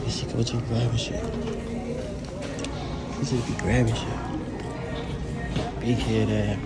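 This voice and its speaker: A young man in his twenties vlogging while shopping in a supermarket, teasing and swearing, with sudden loud bursts. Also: mid-range voice, flat delivery, slow pace, over loud music. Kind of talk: casual vlog banter. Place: large supermarket, indoors. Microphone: handheld camera.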